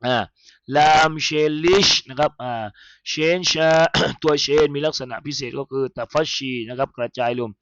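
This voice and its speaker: A man teaching Quran recitation. He spells verses letter by letter in a chanted tone, then explains how each sound is made, slowly and politely. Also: medium pitch, steady tone, gravelly, fairly bright tone, dry recording, dull audio.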